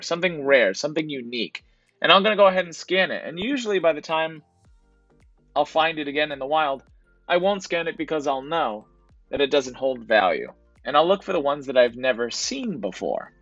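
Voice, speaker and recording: A man's voice: on the high side, a bit bright, no room sound, muffled recording. A man narrating his thrift store trip as a voice-over for his reselling vlog, in a casual, explanatory way. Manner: casual, explanatory, repeats "to be honest".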